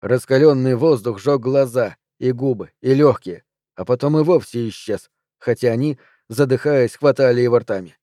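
A man narrating an audiobook in a steady, measured reading. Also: mid-range voice, no echo, studio quality. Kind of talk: scripted narration.

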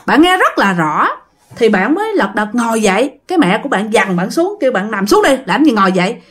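A woman's voice: on the high side, very animated, fairly quick. Chatty woman telling ghost tales. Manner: chatty, addresses listeners directly. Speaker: storyteller. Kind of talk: casual ghost story telling.

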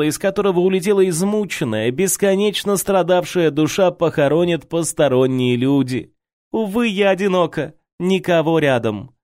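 A man's voice: darkish tone, no echo, clean studio sound, close to an everyday voice. A man voicing a dramatic, self-pitying older society mother who shrieks and wails theatrically in an audiobook. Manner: shrill, theatrical wailing.

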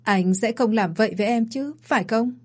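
A woman's voice: a little high, brisk, slightly rough. A woman voicing a desperate young bride in an audio story, pleading and tearful.

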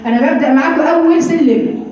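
A woman with an Egyptian accent teaches a recitation class. She drills students by repeating lists, asks questions and answers them herself, and teases them briskly. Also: sits high, warm tone. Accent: Egyptian Arabic. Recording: very echoey, distant and dull-sounding.

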